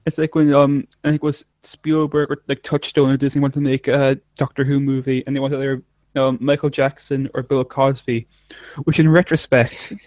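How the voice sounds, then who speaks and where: A man's voice: mid-range voice, level tone, moderate pace, a little mellow, no room sound. A man hosting a casual podcast chat, rambling with stumbling restarts and frequent laughs. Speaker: podcast host. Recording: dull lo-fi dry recording.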